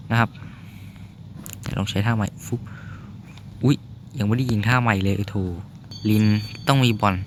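A young man giving casual gameplay commentary, chatty, explaining the game as he plays and reacting with quick exclamations. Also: lowish voice, noisy background. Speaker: gaming YouTuber. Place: noisy spot at home.

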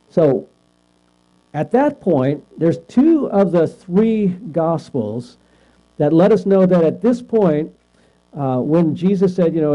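A man teaching a Bible class in a conversational way, often asking the class questions and checking in with "right?". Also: a little high. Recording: lo-fi recording with mains hum.

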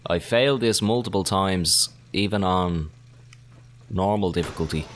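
A man giving casual let's-play commentary as he plays, swearing heavily and breaking into excitable outbursts. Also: low-pitched, measured pace. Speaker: gaming commentator.

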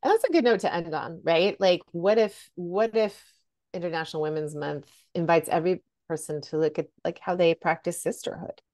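Speaking at a normal speed, this woman has a fairly low, darkish voice. She's a middle-aged podcast co-host on a video call, and her talk is chatty and loaded with fillers such as "you know" and "like".

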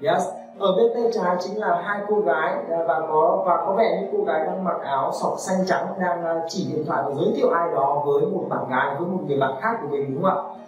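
A woman's voice: lowish voice, highs cut off. Patient woman teaching English in an echoey room. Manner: patient, repeats model phrases slowly. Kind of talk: online English lesson with repeated drills. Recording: echoey room, mic at a distance, faint music.

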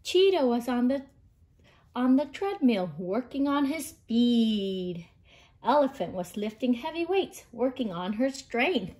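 A woman teacher reading a children's story aloud in an expressive way, pausing to ask her young listeners questions. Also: on the high side.

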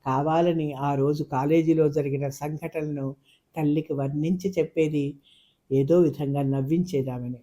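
A man narrating a novel aloud in a measured, expressive storytelling manner. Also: fairly high pitch.

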